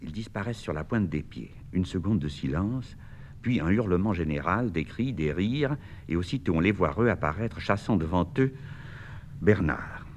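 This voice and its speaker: A man, the author, calmly reading the stage directions of his own play in quiet, measured narration. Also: deep voice, slight background noise.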